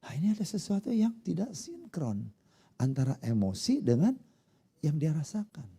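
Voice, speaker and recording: A pastor preaching a conversational sermon, often putting questions to the congregation. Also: male voice, a little high, huge pitch swings, moderate pace, vocal fry, warm tone, slightly rough.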